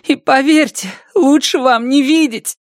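Audiobook: narrator plays a teenage girl, raised high and strained, pleading, very dry read. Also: unhurried, no echo. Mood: pleading, tearful. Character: teenage girl, tearful then icily defiant. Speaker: audiobook narrator voicing a character. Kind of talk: audiobook reading.

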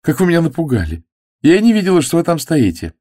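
A man voicing a cheerful, sharp-tongued young woman who teases with sarcasm. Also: medium pitch, big pitch swings, fast talker, breathy edge, no echo, clean studio sound, pitched above the performer's own voice. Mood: teasing. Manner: teasing, sarcastic.

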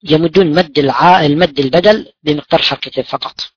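In a brisk, fairly high voice with a breathy edge, a man patiently teaches Quran recitation rules, explaining tajweed by asking and answering his own questions and repeating key words. It's a dull, lo-fi, dry recording with no echo.

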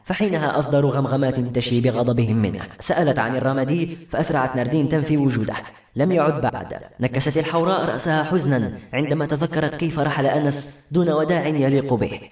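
A man narrating a novel as an audiobook, in an expressive storytelling manner. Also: mid-range voice, fast. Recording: echoey room.

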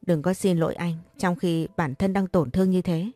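Lady doing a bossy sweet guy comforting a friend, lowish warm voice. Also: fairly even intonation, normal speed, no room sound, soft background music, close to an everyday voice. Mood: scolding. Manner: scolding yet tender, coaxing. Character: caring, pushy young man comforting a friend. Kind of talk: audiobook character reading.

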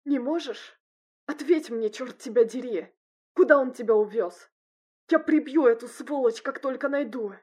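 A tough young man in an audiobook speaks in short, dry, clipped phrases, as a woman voices him. The voice sits fairly high and carries a slightly husky edge. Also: moderate pace, mellow. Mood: furious. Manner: clipped and dry, bursting into threats.

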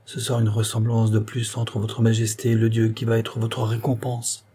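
A man reading an audiobook voices a priest confessor, speaking quietly and solemnly. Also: fairly low pitch, monotone, normal speed, breathy edge. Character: grave old priest confessor, strained.

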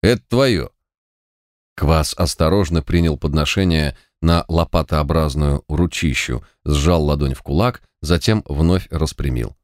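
A man narrating an audiobook in an even, steady storytelling manner. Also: extremely low pitch, unhurried, few pauses, no room sound, clean studio sound.

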